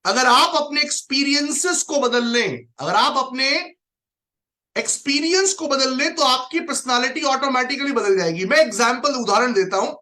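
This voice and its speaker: Male business trainer, very high pitch, bright forceful delivery, emphatic and repetitive, speaks straight to the audience. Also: moderate pace. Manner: emphatic, repeats key phrases and calls out listeners by name. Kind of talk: motivational training talk to an online audience.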